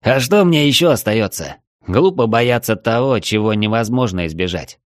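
A man's voice: fairly low pitch, lively intonation, moderate pace, dry recording, studio quality, natural voice. A male reader voicing a brash, wisecracking young raft captain. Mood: jaunty.

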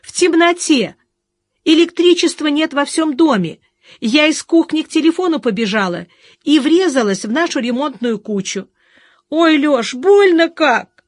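A woman reading a young wife in an audiobook, high plaintive voice, playful teasing, dry close sound. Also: animated, normal speed, dry recording.

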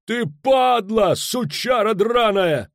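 A man's voice: high voice, animated, takes it slowly, vocal fry, dry recording, studio quality, voice pushed up, heavily acted. A man voicing a coarse, rowdy sailor who hollers crudely. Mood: cursing.

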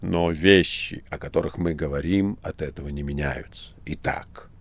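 Мужчина озвучивает надменного древнего князя тьмы — медленно, презрительно и размеренно, в аудиокниге. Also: male voice, a bass voice, gravelly, pitched below the performer's own voice, exaggerated voice. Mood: scornful. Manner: slow, scornful, measured. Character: haughty ancient male prince of darkness. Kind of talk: audiobook reading.

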